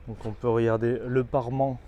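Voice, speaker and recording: A man's voice: medium pitch, flat delivery, brisk, dull audio, background noise. A man giving an informal on-site walkthrough of a building site, explaining the work with some hesitant fillers. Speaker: construction company guide.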